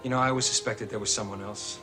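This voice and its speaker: An actor playing a lovelorn, reproachful outlaw suitor in a television soap opera. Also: male voice, on the low side, steady tone, quick pace, over music, close to an everyday voice. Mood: hurt, reproachful.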